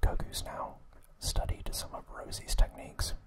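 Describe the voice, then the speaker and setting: Slow and unhurried, an ASMR host whispers breathily and without voice while going over the events of an anime series.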